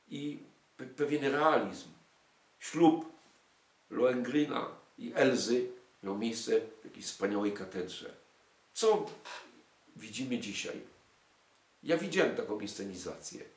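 An older man giving an emphatic lecture to an audience, full of rhetorical questions and indignant asides. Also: medium pitch. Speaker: lecturer on music and culture. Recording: echoey room.

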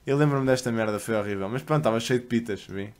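A man's voice: medium pitch, fast. A man in his twenties with a European Portuguese accent, chatting casually and slangily as a streamer while reacting to videos, swearing freely. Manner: swears freely, bursts into loud laughing outbursts.

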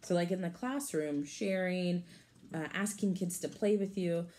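A woman in her thirties, lowish and darkish in tone, reads a picture book to young children at a measured pace, teacher-like and expressive, with casual asides to explain things. She's indoors in a small room at home, and the home recording has clear background noise.

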